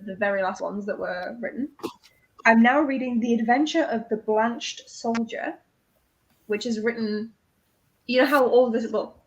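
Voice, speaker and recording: A woman on a reading stream, chatting in a teasing, animated way with frequent laughter. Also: mid-range voice, highs cut off. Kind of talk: casual chat on a livestream.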